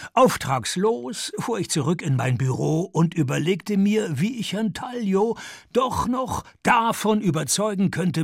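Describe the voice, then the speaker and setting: Deadpan private detective, gravelly edge. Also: male voice, sits high, no echo, clean studio sound, full character voice. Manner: deadpan, sardonic. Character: dry, wisecracking private detective narrating his own case. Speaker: detective and first-person narrator. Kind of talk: radio crime drama with scripted narration.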